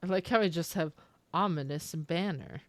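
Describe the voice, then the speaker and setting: Woman, young adult, Canadian accent, casual game stream chat, slightly low voice, rambling, laughs a lot. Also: normal speed, dry recording. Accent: Canadian, with some British-sounding words. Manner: rambling and self-interrupting, laughs often. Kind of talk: casual chat with live chat while gaming.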